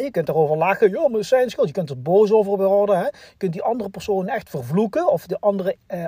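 Husky-voiced man giving a motivational podcast talk. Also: high-pitched, mellow, no room sound, clean studio sound. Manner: earnest, repetitive, with frequent fillers and restarts. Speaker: podcast host and personal development coach.

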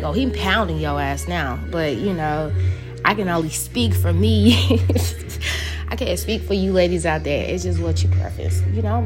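A young woman hosting a podcast, talking in a loose, frank way, laughing often and swearing freely. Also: on the low side. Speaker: podcast host. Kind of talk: casual frank talk. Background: background music.

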